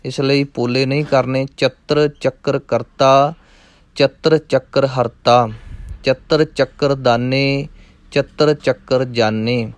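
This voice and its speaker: A man teaching scripture recitation, chanting each verse in a measured way and stopping to explain pronunciation. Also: medium pitch, fairly even intonation, dry recording. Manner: measured chanting of verses, then quick spoken corrections. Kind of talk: slow line-by-line recitation lesson with pronunciation notes.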